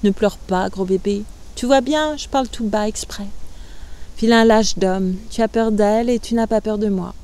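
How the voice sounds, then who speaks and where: Woman reading as a sly cruel teen girl, soft taunting voice, warm tone, storybook reading. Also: medium pitch, moderate pace, clear, resonant tone, close to an everyday voice. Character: sly teasing sixteen-year-old girl, cruel.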